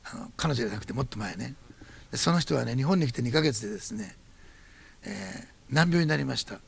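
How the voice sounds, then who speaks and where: A man preaching as a pastor, telling a testimony in quick, animated bursts. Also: mid-range voice, creaky, slightly rough. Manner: fast-talking, animated storytelling. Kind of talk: sermon testimony.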